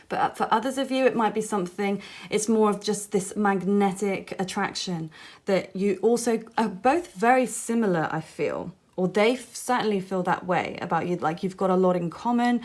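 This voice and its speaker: A woman giving a pick-a-card tarot reading straight to the viewer. She talks in a musing, gently reassuring way and often softens her points with "I feel". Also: medium pitch.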